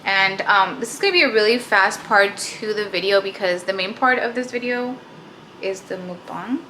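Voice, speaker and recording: A woman's voice: medium pitch, normal speed, sharp tone, slight background noise. A young woman hosting a casual home vlog with her sister, chatty and explaining things step by step. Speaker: vlogger host. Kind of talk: casual chat. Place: home kitchen. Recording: roomy home recording.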